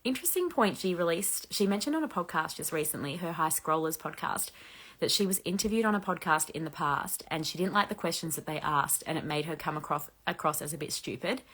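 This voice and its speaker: A woman in her thirties with a low voice, hosting a casual live chat and reading out viewer questions. She rambles in a friendly way, filling her sentences with "like", and now and then lets out a small laugh. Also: fairly bright tone. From Australia. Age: 30s. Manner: chatty, frequent "like" fillers, laughs lightly. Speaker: host answering viewer questions.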